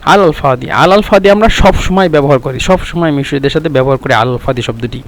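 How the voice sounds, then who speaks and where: A man giving a casual spoken language lesson, explaining patiently and repeating phrases slowly so they can be copied. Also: fairly high pitch. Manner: conversational, chatty teaching tone. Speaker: Arabic language teacher.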